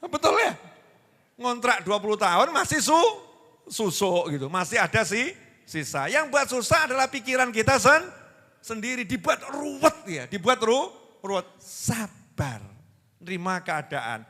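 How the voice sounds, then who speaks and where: A man with a Javanese accent preaching a lively sermon to a gathering, joking and putting questions to the audience. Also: high-pitched, measured pace. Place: large religious gathering hall. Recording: long reverb of a large hall.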